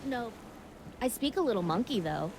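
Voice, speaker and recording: An actress playing a sharp-witted, sardonic adventurer in a video game, dry and teasing. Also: female voice, fairly high pitch, sing-song, normal speed, noisy background. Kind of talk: scripted adventure game dialogue.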